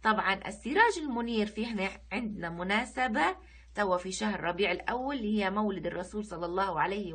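Husky-voiced Libyan woman teaching. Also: mid-range voice, bright, forceful tone. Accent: Libyan Arabic. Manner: recites verse slowly, word by word, then explains pronunciation. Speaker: primary school Arabic teacher. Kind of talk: online reading lesson for children.

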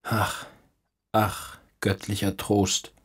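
A male narrator doing a despairing young man in an audiobook, low, husky, slow and halting. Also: completely flat delivery, a bit bright, heavily acted. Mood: anguished. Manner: slow, halting, anguished delivery.

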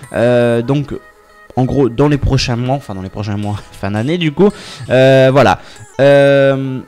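A man's voice: mid-range voice, a little mellow. A man in his twenties from southwest France, talking casually through tech news for his viewers with many hesitations and restarts. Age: 20s. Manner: chatty, hesitant, full of filler sounds and restarts; addresses viewers as friends. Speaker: tech YouTuber.

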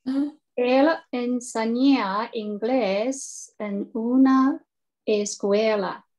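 A woman's voice: on the high side, very slow, darkish tone, low-quality recording. A woman student on a video call, reading sentences and asking questions about accent marks.

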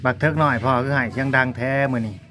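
A man speaks with a northeastern Isan Thai accent in an easygoing running commentary. His voice sits at an ordinary middle pitch, and he keeps calling out to his viewers as brothers and sisters while he films daily life at home. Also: fairly even intonation, very fast. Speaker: vlogger filming family life. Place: family home in a rural village.

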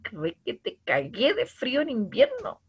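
A woman voicing an indignant, demanding hotel guest in a training role-play, talking loud and huffy. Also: a little high, wildly swooping pitch, a little slow, husky, highs cut off, full character voice.

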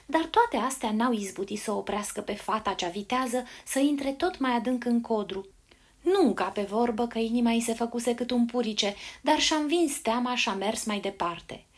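A woman narrating a fairy tale in an expressive storybook reading. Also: a little high, slightly rough.

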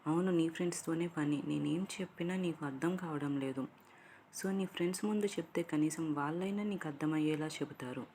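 A woman voicing a gentle, caring young man who talks to his girlfriend in a soft, pleading way. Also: sits low, a little fast, a little hiss or hum. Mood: reproachful.

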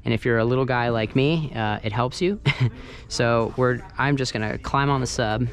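Working as a sound engineer, a man with a mid-range voice talks at a normal pace, casually walking through a hands-on tutorial in the first person. He's in a large carpeted banquet hall with a wooden dance floor, and the noisy room ambience comes through clearly.

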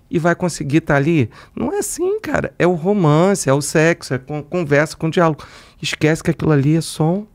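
A therapist with a Brazilian Portuguese accent chats on a podcast. The voice sits at a middle pitch and explains things in an easy, conversational manner. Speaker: therapist co-host. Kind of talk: casual podcast chat.

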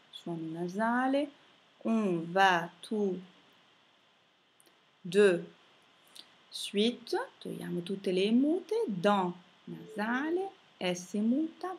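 Slow, husky woman teaching phonetics. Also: mid-range voice. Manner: slow, carefully spelling out sounds and silent letters. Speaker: French teacher. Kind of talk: slow phonetics lesson for students.

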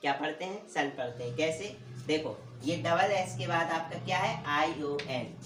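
A man's voice: a little high, a bit bright, far from the mic, a little hiss or hum. Man teaching English sounds, roomy echo. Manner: asks questions and answers them himself, repeats words slowly. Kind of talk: classroom pronunciation lesson.

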